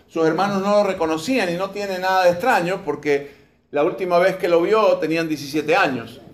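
A man past his mid-forties preaching from the pulpit, his voice sitting a little high for a man. He reads passages aloud and keeps turning to the congregation with questions. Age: over 44. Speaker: pastor. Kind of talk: sermon.

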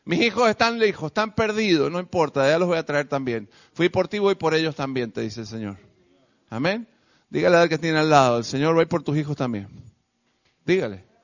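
A man preaching a sermon to a congregation, emphatic and repetitive, swinging between loud declarations and quiet, soft lines. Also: fairly high pitch, lively intonation, fairly quick. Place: church service with a congregation. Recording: dull lo-fi recording.

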